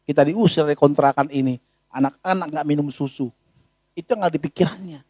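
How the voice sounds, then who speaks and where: A pastor preaching a sermon in a casual, animated way, full of rhetorical questions. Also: male voice, on the high side, quick pace, no echo.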